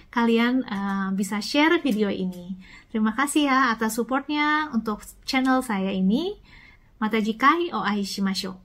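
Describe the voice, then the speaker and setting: A woman hosting an online language lesson, saying each example sentence slowly and carefully and repeating it for practice. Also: fairly high pitch, a bit bright. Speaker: Japanese language teacher and channel host.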